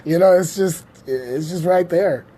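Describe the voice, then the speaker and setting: A man's voice: on the high side, a little slow, warm tone, slight background noise. A man hosting a casual scripture teaching show, rambling and emphatic, often repeating his points.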